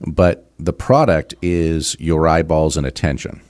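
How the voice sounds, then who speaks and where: A middle-aged man, a financial advisor hosting a podcast, explaining in a halting way with many fillers. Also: a bass voice, fairly even intonation, a little mellow, dry recording. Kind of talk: casual podcast chat.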